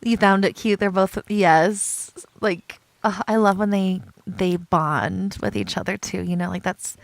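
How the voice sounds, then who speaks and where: Slow, gravelly-voiced woman streaming. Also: medium pitch, steady tone, no room sound. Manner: chatty, giggly, greets viewers by name. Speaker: game streamer. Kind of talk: casual live-stream chat.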